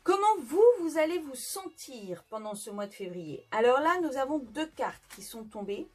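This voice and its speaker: A woman's voice: sits high, big pitch swings, moderate pace. A French woman giving a casual tarot reading, chatty and hesitant with many fillers and restarts. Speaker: tarot reader. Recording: faint background music.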